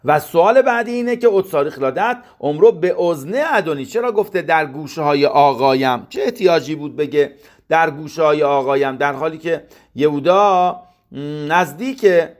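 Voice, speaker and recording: A man with a slightly high voice gives a text study lesson. He chants verses from scripture, then explains them plainly and keeps asking his listeners what each word means. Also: lively intonation. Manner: poses questions to the listener. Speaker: Torah teacher.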